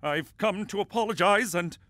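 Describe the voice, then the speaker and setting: A man's voice: sits high, normal speed, sharp tone, no echo. A man voicing a formal, meek, anxious petitioner in an adult cartoon.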